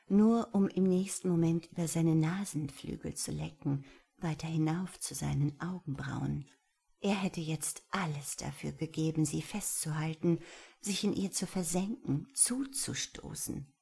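Woman reading an erotic audiobook, breathy half-whispers, gravelly low voice, slow. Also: mellow. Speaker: audiobook narrator.

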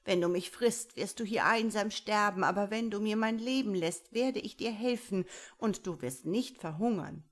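A woman voicing a vain, cunning male quetzal bird in a storybook reading, shrill and theatrical. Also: unhurried. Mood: wheedling. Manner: shrill and theatrical, scolding then wheedling.

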